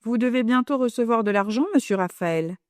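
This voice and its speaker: A woman's voice: fairly high pitch, a little fast, a little mellow, dry recording, studio quality, natural voice. A woman voicing a kindly, reassuring older mother in an audiobook. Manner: kind, reassuring. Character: kindly older mother, calling from her bed.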